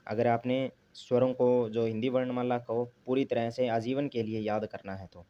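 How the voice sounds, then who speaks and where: A man's voice: medium pitch, steady tone, normal speed, highs cut off. A man teaching a grammar lesson, asking himself questions and repeating the key terms. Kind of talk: classroom lesson explanation.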